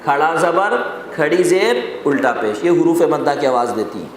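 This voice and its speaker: Male teacher, high voice, reverberant hall with a faint hiss, patient step-by-step classroom explaining. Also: animated. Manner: explains rules step by step, quizzing students and repeating lists. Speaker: Quran recitation teacher. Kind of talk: classroom lesson. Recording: very echoey hall with faint noise.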